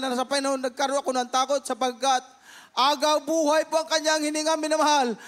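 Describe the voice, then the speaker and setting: An older man from the Philippines gives a church testimony in a strikingly high voice. He speaks with fervor, keeps calling the congregation beloved, and bursts into loud hallelujahs. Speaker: church member giving testimony.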